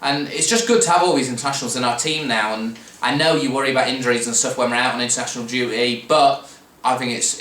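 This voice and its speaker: A man's voice: medium pitch, bright, forceful tone. A man hosting a football preview show, talking casually and rambling with restarts and fillers. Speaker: fan podcast host. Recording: roomy echo, mic at a distance, faint background noise.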